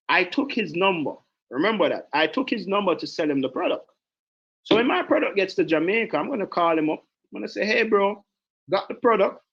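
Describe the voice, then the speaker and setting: A man giving an energetic, persuasive sales pep talk as a team leader, repeating his points and asking the audience questions. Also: a little high, husky, muffled recording. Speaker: network marketing team leader.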